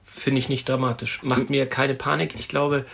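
Podcast co-host around 40, gravelly husky voice, chatty storyteller. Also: male voice, mid-range voice, flat delivery, moderate pace, a bit bright. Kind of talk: casual chat.

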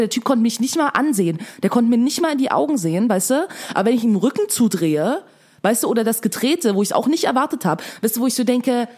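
Fast-talking young woman, shaken. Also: mid-range voice, a little mellow, husky. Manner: fast, chatty, full of fillers. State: shaken, still upset. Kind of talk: casual storytelling to camera.

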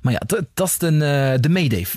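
Lively husky Luxembourgish man joking. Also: a little high, fairly quick, dry recording. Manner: animated storytelling, frequent "ne?" tags. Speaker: podcast co-host. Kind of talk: casual chat, telling a joke.

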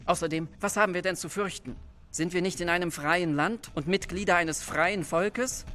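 A man's voice: high-pitched, moderate pace, sharp tone, faint music behind, voice pushed up. A man voicing a proud, defiant young man who speaks earnestly and insistently.

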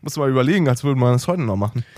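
A man's voice: medium pitch, animated, rapid-fire, a little mellow, dry recording. A young man co-hosting a podcast, joking casually and poking fun at himself. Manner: self-mocking, joking. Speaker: podcast co-host.

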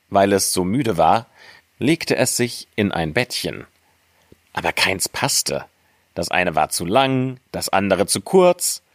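A man reading a fairy tale aloud, slow and expressive. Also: deep voice, no echo, studio quality. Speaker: narrator.

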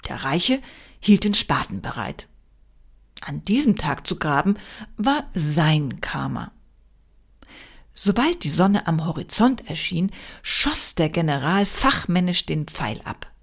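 Slow, expressive woman storyteller. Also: low-pitched, gravelly. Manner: expressive, dramatic pauses. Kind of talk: reading a folk tale aloud.

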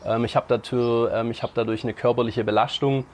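Male guest, monotone delivery, halting explainer, mid pitch. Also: a little hiss or hum. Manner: halting, frequent fillers. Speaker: podcast guest. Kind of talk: casual explanatory chat.

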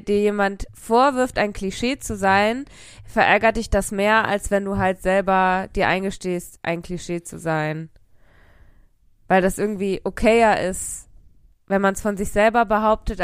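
A young woman with a cold co-hosts a podcast, chatting casually at a close studio mic and rambling with fillers and plenty of laughter. Her medium-pitched voice is smooth and unhurried, with fairly even intonation and no echo.

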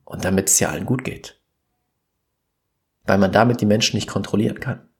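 A man in an impassioned monologue to camera, earnest and emphatic, pausing for weight and bursting into exasperation. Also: lowish voice. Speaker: vlogger.

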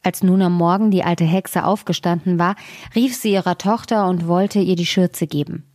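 Low-voiced woman reading a fairy tale. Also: steady tone, darkish tone, dry recording, studio quality. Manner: measured storytelling, dropping to a whisper at grim moments. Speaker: fairy-tale podcast narrator.

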